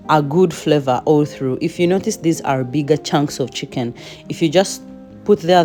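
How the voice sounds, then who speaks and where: A woman's voice: low voice, warm tone. A woman home cook giving a chatty cooking voice-over with playful asides.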